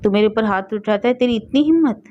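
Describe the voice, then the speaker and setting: A woman's voice: on the high side, quick pace, warm tone, voice pushed up, lightly acted. A woman voicing an angry village aunt who scolds and threatens, in a storybook reading. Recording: dull lo-fi recording.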